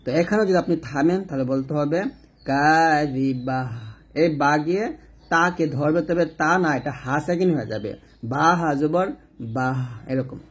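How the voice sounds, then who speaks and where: Man teaching slow chanted recitation. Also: on the high side, breathy edge. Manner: explains letter by letter, then chants verses slowly with drawn-out vowels. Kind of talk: recitation lesson.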